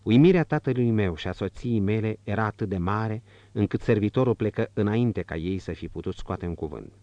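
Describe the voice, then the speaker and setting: A male audiobook narrator reads a classic novel in a steady, measured way. His voice sits low. The recording is dry and close to the mic. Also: dry recording, highs cut off.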